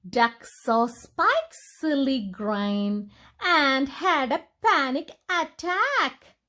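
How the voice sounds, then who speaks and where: Sharing a picture book with young listeners, a woman with a high-pitched voice narrates in a sing-song, expressive manner, taking her time over each line.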